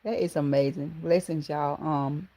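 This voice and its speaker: At a measured pace and in a low-pitched voice, a Southern woman from Georgia hosts a casual livestream. Affectionate and animated with her exclamations, she greets viewers by name and calls them baby and honey.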